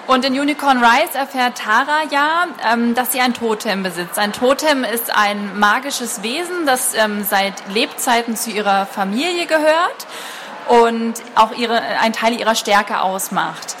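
Chatty woman interviewer, slightly high voice. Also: unhurried, a bit bright, slight background noise. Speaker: interviewer and editor. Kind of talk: casual interview questions.

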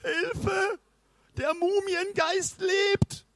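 A man's voice: high-pitched, moderate pace, darkish tone, slightly rough, dry recording, pitched above the performer's own voice. A man voicing a jittery village boy who talks in a breathless, urgent way. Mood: panicked.

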